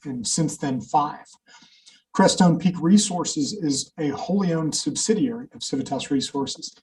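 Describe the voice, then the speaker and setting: A man, a company executive, reads a measured, formal prepared statement to a public hearing, heard over a group video-call connection. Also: on the high side, darkish tone, low-quality recording.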